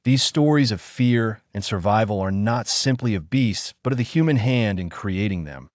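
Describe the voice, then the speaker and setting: A man narrating a scripted nature documentary in a measured, solemn and dramatic storytelling manner, recorded close on a voice-over mic. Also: on the low side, lively intonation, dry recording.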